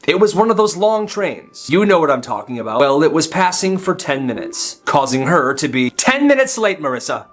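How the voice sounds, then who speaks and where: A man narrating short stories in a conversational, animated way. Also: on the high side, normal speed, few pauses, faint music behind. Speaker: storyteller. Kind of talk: short-video storytelling narration.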